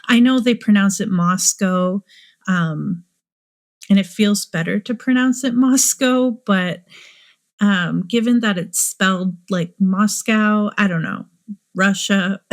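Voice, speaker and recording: A woman hosting a true crime show, musing aloud and asking many rhetorical questions. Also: mid-range voice. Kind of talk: speculative true crime commentary.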